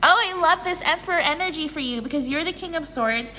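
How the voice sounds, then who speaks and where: A woman doing a casual tarot reading in a bubbly, excitable, chatty way. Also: sits high, quick pace, slight background noise. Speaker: tarot reader. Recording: reverberant room with faint ambience.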